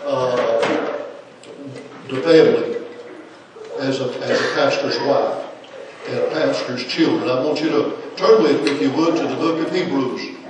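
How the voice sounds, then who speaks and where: A man's voice: medium pitch, measured pace, long pauses, noisy background. A man preaching as a guest, building to emphatic preaching in a church sanctuary. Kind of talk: sermon. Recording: very echoey church from far off.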